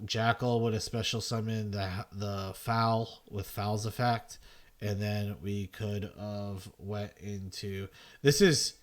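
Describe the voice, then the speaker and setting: A man giving loose, self-mocking gameplay commentary as a video host, swearing freely. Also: on the low side. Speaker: gaming content creator.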